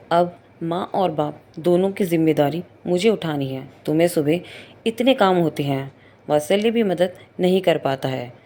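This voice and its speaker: A woman voicing a kind, soft-spoken older father-in-law in a read-aloud story. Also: on the low side. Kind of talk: storybook reading.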